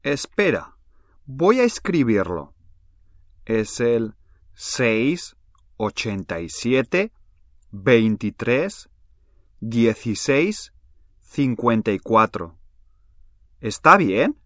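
Friendly young guy, scripted exam dialogue, careful, slow, lively tone. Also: medium pitch, no room sound. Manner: clear, careful delivery, numbers read slowly. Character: young man Pedro, 21, cheerful and friendly. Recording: dry studio recording.

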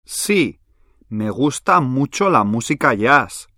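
Cheerful young Pedro. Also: male voice, mid-range voice, sing-song, pushed and bright, dry recording, exaggerated voice. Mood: friendly. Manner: clear, careful delivery, numbers read slowly. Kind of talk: scripted exam dialogue. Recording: dry studio recording.

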